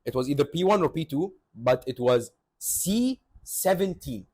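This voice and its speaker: A man's voice: fairly high pitch, lively intonation, moderate pace, a little mellow, husky. A young man telling a comic story on his vlog, sarcastic and exaggerated, at times rising to mock outrage. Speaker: vlogger. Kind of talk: comedic storytelling.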